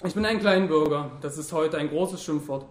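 A man's voice: a little high, normal speed, echoey room, lightly acted. A man voicing an ironic, thoughtful young moralist in an audiobook, lecturing with dry irony.

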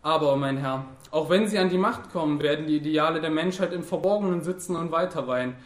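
A man's voice: on the high side, fast talker, roomy sound, natural voice. A man doing a dry, ironic young moralist. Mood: lecturing. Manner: dry irony, lecturing.

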